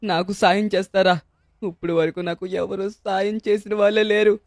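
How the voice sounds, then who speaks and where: A man with a Telugu accent voices a pleading beggar for a game-video dub. His voice sits high for a man, and his plaintive tone comes through a dry, close recording. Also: flat delivery, moderate pace, dry recording. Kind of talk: dubbed game-video role-play.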